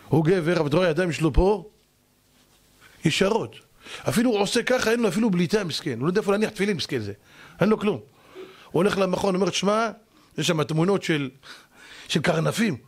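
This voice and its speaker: Rabbi delivering an emphatic lecture, male, high-pitched, given to shouting and acting out quotes. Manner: emphatic, sometimes shouting, acts out quoted people. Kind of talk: animated Torah lesson.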